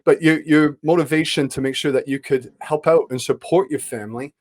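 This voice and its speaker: A man's voice: on the high side, fairly even intonation, fairly quick. A man hosting a casual podcast interview, asking long winding questions full of restarts. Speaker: podcast host and club announcer.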